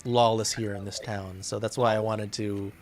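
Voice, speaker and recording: A man acting as game master for an online tabletop game, talking in a halting way with many ums and likes over a voice chat mic. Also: on the low side, flat delivery, a little mellow.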